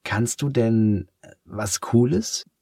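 A man voicing an excitable, curious schoolboy whose voice cracks upward with excitement. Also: mid-range voice, slow pace, husky, dry recording, clean studio sound, pitched above the performer's own voice.

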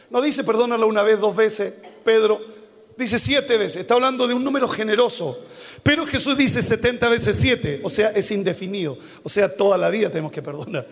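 A man with a high-pitched voice delivers a sermon, reading scripture verse by verse and repeating key phrases for emphasis. He acts out Bible characters with animated impressions and sudden loud exclamations. A long reverb suggests a large hall.

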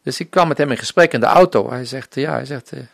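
A man from the Netherlands shares his missionary testimony in an interview, speaking earnestly and acting out the conversations he remembers. His voice sits in an ordinary middle pitch. The recording is dry and close, with no room echo. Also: fast, vocal fry. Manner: earnest storytelling, often acting out remembered dialogue. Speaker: missionary guest. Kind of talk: personal faith testimony in an interview.

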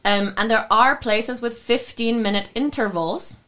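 A woman's voice: on the high side, a bit bright. Young woman rambling tipsy on a podcast, laughs a lot. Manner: chatty, swears casually, quick to laugh. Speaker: podcast co-host. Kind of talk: casual chat.

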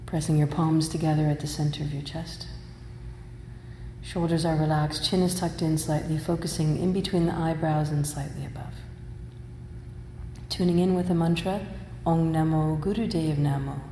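A woman teacher leading a guided meditation, speaking in slow, measured, soothing instructions with long pauses. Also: low-pitched, fairly even intonation, mellow. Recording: roomy hall reverb, faint noise.

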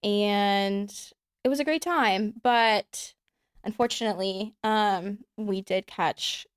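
A woman's voice: mid-range voice, takes it slowly, clean tone, no room sound. Young woman, casual podcast guest, frank and giggly, dry close sound. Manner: candid, laughing, many ums and restarts. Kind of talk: casual chat.

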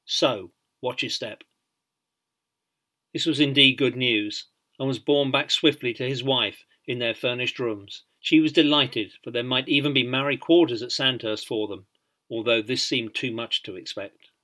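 A man reading a biography as scripted audiobook narration in a measured storytelling manner. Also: mid-range voice, pushed and bright.

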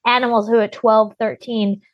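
A woman's voice: on the high side, level tone, moderate pace, no room sound, lo-fi sound. A woman guest on a podcast, telling a personal story in a rambling, chatty way with many restarts.

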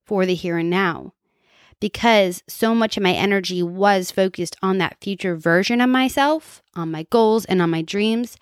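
A woman's voice: medium pitch, no echo, studio quality. A woman in her thirties giving a candid, reflective, casual monologue as a host sharing personal wellness advice. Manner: reflective, candid, with repeated phrases and casual swearing. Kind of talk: casual solo spoken monologue.

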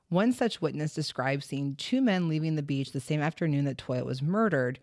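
A woman's voice: low voice, dry recording, clean studio sound. A woman hosting a casual true-crime podcast, reading case details and stumbling now and then over place names. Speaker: podcast host.

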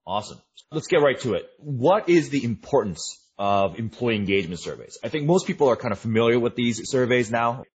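A podcast host with a medium-pitched, slightly rough voice talks briskly and expressively as he introduces his guest and asks questions. He's upbeat and conversational in this interview, with casual fillers.

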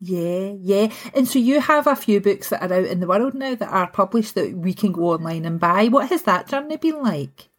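A woman's voice: medium pitch, expressive, moderate pace, hardly any pauses. A woman with a Glaswegian accent hosting a casual, conversational interview. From Glasgow, Scotland. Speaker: interviewer, host.

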